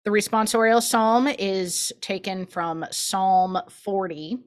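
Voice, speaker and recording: A woman's voice: mid-range voice, slow pace. A woman co-hosting in a casual, conversational style and announcing scripture readings. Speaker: co-host.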